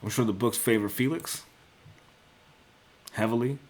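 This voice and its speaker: A young man hosts a casual solo talk on sports betting picks, thinking aloud, correcting himself, and swearing now and then while calling people bro and dude. His voice is medium pitched and a little slow.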